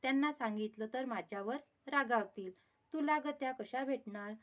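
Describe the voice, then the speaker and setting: A nervous young maidservant in a storybook tale, as a female narrator puts her on, earnest and worried in her speech. The voice is fairly high and plainly read. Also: normal speed, lo-fi sound, lightly acted.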